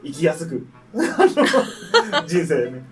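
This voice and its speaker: A woman co-hosting a casual radio show, giving easygoing advice in quick phrases that often trail off. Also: sits low, huge pitch swings, distant mic, faint music behind. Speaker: radio co-host.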